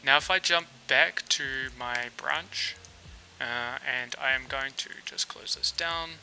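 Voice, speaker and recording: Medium in pitch and slow in delivery, this New Zealand developer's voice has vocal fry as he casually codes on stream and thinks aloud with lots of fillers. He's relaxed; the audio is poor, with a little hiss or hum.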